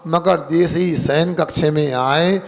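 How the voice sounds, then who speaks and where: Slow preaching man in an echoing hall. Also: a little high. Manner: storytelling, quizzes the audience with call-and-response questions; drawn-out emphatic words. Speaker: Jain monk preacher. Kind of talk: sermon. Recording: long hall reverb.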